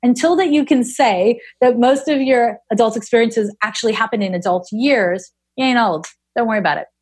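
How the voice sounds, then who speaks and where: Forties woman on a podcast, kinda high voice, blunt and swears a lot, animated. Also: fairly quick, husky. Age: 40s. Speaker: astrologer guest. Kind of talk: casual podcast interview.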